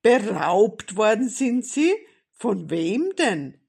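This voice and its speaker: A woman's voice: low voice, unhurried, gravelly, warm tone, husky, heavily acted. A woman voicing a pompous, officious male village policeman in a storybook reading, scolding and fussy.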